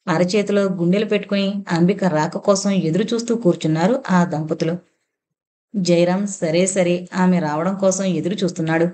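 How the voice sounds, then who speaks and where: A woman narrating a novel in a steady storytelling voice. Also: lowish voice.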